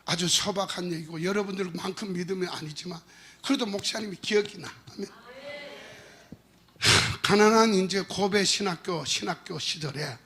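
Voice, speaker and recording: A middle-aged man preaching a lively revival sermon in a church, playful and animated, breaking into shouted emphasis. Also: sits high, normal speed. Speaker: pastor. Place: church sanctuary.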